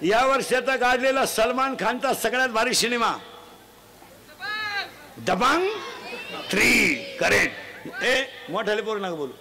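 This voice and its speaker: A man giving a humorous moral sermon to a festival crowd, teasing and quizzing the children loudly. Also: very high voice, measured pace, pauses often. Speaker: folk preacher addressing a crowd. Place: outdoor festival gathering. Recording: noisy live crowd recording.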